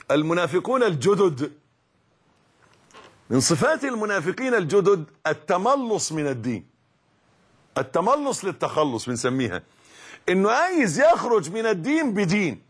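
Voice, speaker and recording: A middle-aged man preaching in an Egyptian Arabic accent, with a husky, somewhat high voice. His pitch leaps and falls widely as he teaches, emphatic and dramatic, moving from near-hushed lines to forceful, raised ones. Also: sing-song, moderate pace, pauses often. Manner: emphatic, dramatic swings between hushed and loud. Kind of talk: religious lesson.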